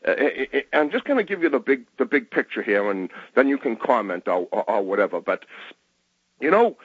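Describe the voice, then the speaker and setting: A man with a Boston accent calling a radio show, talking in a halting, rambling way and repeating words as he goes. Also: mid-range voice, sing-song, breathy edge, no echo. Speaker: radio call-in listener. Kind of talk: rambling call-in opinion. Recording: dull lo-fi call-in line.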